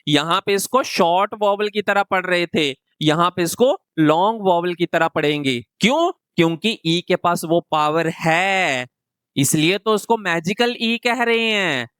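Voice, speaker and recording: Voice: mid-range voice, fairly bright tone, clean tone, dry recording. Patient phonics teacher, dry close recording. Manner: slow, question-and-answer explaining. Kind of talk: classroom phonics lesson.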